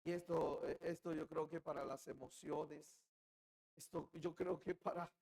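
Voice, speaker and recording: A male pastor with a Colombian Caribbean Spanish accent preaching a sermon, moving from quiet musing to loud, shouted outbursts. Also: a little high, steady tone, a little slow, vocal fry, rough recording.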